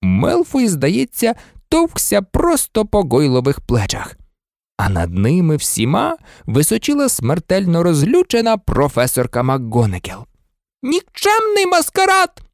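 A narrator reading a children's fantasy story aloud, dramatic and lively, switching into many character voices. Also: medium pitch, a little slow, no echo, clean studio sound. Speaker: audiobook narrator.

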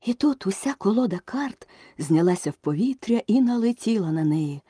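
A woman reading a children's story aloud in an expressive storytelling manner. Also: medium pitch, moderate pace, slightly rough, no echo, clean studio sound.

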